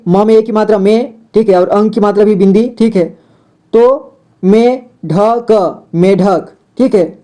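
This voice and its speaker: A man's voice: sits high, dark tone. A man teaching a step-by-step reading lesson, patient, repeating words and asking the viewer questions.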